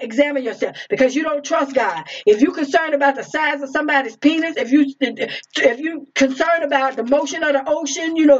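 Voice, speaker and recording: A middle-aged woman preaching an informal streamed sermon, repeating her phrases and speaking straight to her listeners. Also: sits high. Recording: dull lo-fi stream audio.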